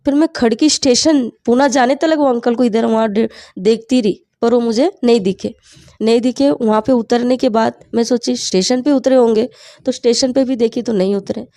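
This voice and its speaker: Earnest woman with a creaky voice. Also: a little high, fairly even intonation, normal speed, dark tone, no echo. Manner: earnest storytelling, often quoting her own prayers. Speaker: testimony speaker.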